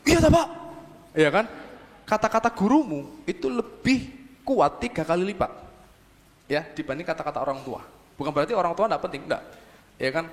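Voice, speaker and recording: High-voiced man preaching in a reverberant hall. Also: lively intonation, fairly quick, long pauses. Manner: keeps asking the audience for agreement; acts out short dialogues in other voices. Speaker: motivational speaker for young people. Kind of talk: lively talk to a youth audience.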